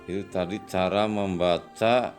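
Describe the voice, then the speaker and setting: A man teaching a children's lesson in a patient, slow manner, often adding "ya" as he explains. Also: low-pitched, fairly even intonation, music in the background. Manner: slow and patient, with frequent "ya" tags and louder drawn-out recitation. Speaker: religious studies teacher.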